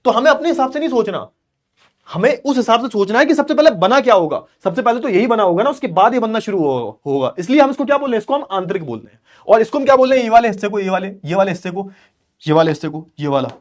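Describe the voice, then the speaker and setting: A man's voice: sits high, animated, fast. A male teacher giving an exam-prep lecture who repeats key terms, asks rhetorical questions and explains while drawing on a board.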